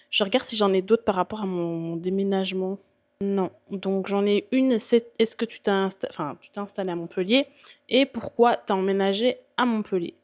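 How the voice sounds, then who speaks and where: A woman's voice: mid-range voice, a little mellow. A young woman from Belgium with a Belgian French accent, chatting casually to her viewers from her apartment, full of fillers and restarts. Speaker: vlogger and bodybuilding coach. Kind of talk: casual chat answering viewer questions.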